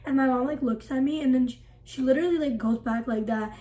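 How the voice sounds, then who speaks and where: Woman doing a storytime vlog, dramatic, says like a ton, kinda high voice. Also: fast, dark tone, low-quality recording. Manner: breathless, dramatic retelling packed with "like". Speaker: vlogger.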